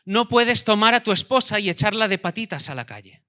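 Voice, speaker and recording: A man preaching a sermon as pastor, emphatic, dropping to a quiet tone for weight. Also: high-pitched, expressive, a little fast.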